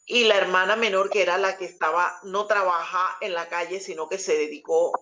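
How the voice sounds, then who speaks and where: A woman's voice: fairly low pitch, steady tone, a little fast, bright, forceful tone, lo-fi sound, slight background noise. A woman giving an earnest personal faith testimony, telling the story with small hesitations as she goes. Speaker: testimony speaker.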